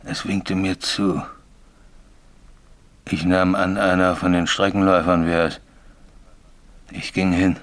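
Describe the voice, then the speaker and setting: An actor playing a frightened railway signalman haunted by a ghost, telling his story haltingly and growing frantic, in a 1980s German radio drama. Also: sits low, level tone, fairly bright tone. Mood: haunted, hushed. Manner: tells his tale haltingly, then grows frantic and desperate.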